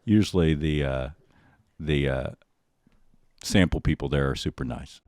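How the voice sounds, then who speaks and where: This man hosts a comedy show, mixing comedic monologue with game hosting as he tells stories and runs a quiz full of wry sarcasm. He has a bass voice and a slightly slow delivery, with heavy noise in the background.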